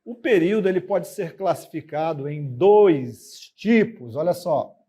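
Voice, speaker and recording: A Brazilian man teaching a recorded lesson in a fairly high, warm voice. He explains patiently, leaning on fillers and asking "ok?" to check understanding. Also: expressive, a little slow, husky. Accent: Brazilian Portuguese.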